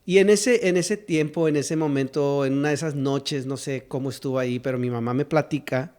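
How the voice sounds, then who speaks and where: A guest pastor and singer-songwriter from South Texas, US, in his fifties, recounts his life in halting storytelling full of fillers, restarts, and easy laughs. His mid-range voice is steady and a little mellow, moving a little fast.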